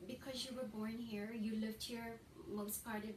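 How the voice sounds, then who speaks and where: Woman interviewer, friendly questions, somewhat high voice, distant and roomy. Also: flat delivery, moderate pace. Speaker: artist interviewing the host. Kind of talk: casual interview. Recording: echoey room, off mic, faint noise.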